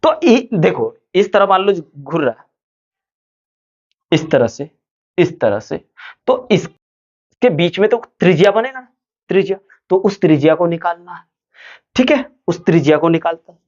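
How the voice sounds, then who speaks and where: A man's voice: high voice, big pitch swings, measured pace, pauses often, darkish tone, dull audio. A male physics teacher giving a classroom lecture, asking students questions and answering them himself. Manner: calls students "bhaiya" and "dear children".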